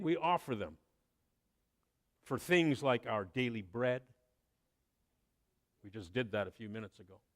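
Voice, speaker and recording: A man preaching a sermon, telling a story with expressive delivery and dramatic pauses. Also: medium pitch. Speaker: pastor.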